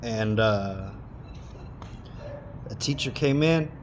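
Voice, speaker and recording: A man in his thirties in a casual, heated rant, swearing often and pausing between thoughts. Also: lowish voice, lively intonation, slight background noise. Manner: heated, swearing, with long pauses. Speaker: monologue speaker.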